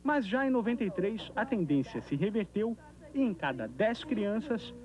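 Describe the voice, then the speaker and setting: A man's voice: sits high, sing-song, normal speed, a little mellow, muffled recording. A man with a Brazilian accent narrating a scripted TV news report, recorded on an old VHS tape. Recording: noisy 1990s VHS tape of TV broadcast.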